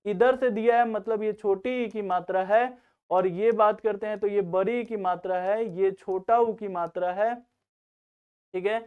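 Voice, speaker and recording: A male teacher explaining grammar in a steady lesson, often checking in with students as he goes. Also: high-pitched, measured pace, smooth. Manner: repeats "theek hai na" as a check-in. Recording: tinny phone-like recording.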